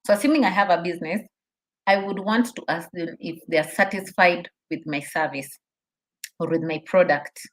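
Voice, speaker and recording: A woman's voice: on the low side, poor audio. A woman teaching an interactive online session as a trainer, encouraging participants, repeating her questions and checking that they follow. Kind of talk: interactive webinar teaching, reading out chat responses.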